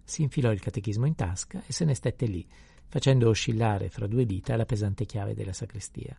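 A man narrating a classic novel in a measured, descriptive audiobook reading. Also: lowish voice, creaky, mellow, husky, no room sound.

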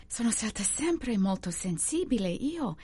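A high, swooping voice full of alarm: a woman acting out a talkative middle-aged American lady who dramatizes everything. Her pitch leaps wildly from line to line, in an audiobook reading. The sound is close and dry. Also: big pitch swings, measured pace, mellow, breathy edge, no room sound, full character voice. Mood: self-pitying. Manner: shrill, dramatic, self-pitying. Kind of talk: audiobook character voice.

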